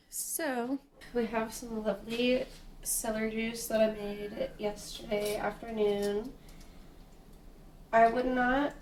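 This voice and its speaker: A woman in her twenties, talking casually to the camera in a vlog, chatty and relaxed with small laughs and fillers. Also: mid-range voice, a little hiss or hum. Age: 20s. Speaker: vlogger. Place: home kitchen.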